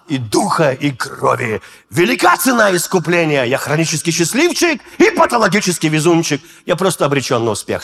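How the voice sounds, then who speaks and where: A man preaching with a husky, slightly rough voice that sits a little high for a man. His delivery swings widely in pitch as he tells stories and acts out voices, now and then breaking into shouts. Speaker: pastor. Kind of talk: sermon.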